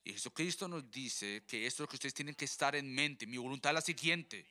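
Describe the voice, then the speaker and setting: A man's voice: mid-range voice, a little fast, pushed and bright. A man preaching a sermon, telling a conversion story and addressing the congregation as his brothers.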